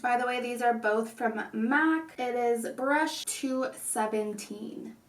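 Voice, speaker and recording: A woman's voice: on the high side, takes it slowly. A woman hosting a casual makeup tutorial, speaking with slightly odd, constrained articulation. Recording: echoey room, distant mic.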